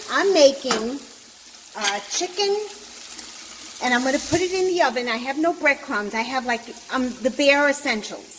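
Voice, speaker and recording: Brooklyn woman cooking over a noisy sizzle. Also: high-pitched. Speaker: home cooking vlogger. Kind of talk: casual cooking demonstration, talking while she works. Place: echoey apartment kitchen, indoors. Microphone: handheld camera, no tripod. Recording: echoey room with clear frying sizzle noise. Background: sizzling pan and stirring.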